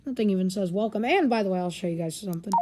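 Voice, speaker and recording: A female gadget reviewer talks rapid-fire in a mid-range voice over a noisy background. She is demonstrating a device hands-on in a loose, casual way in her carpeted living room, off screen, with a handheld camera or phone doing the recording.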